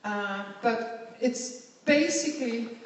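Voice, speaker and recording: A woman's voice: fairly high pitch, takes it slowly. A woman speaks as a panelist in a conference hall. Her delivery is earnest and full of small repetitions as she thinks aloud. She sounds distant from the mic, with long, roomy reverb around her voice. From Iceland. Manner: earnest, often repeats words while thinking. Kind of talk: panel discussion remarks.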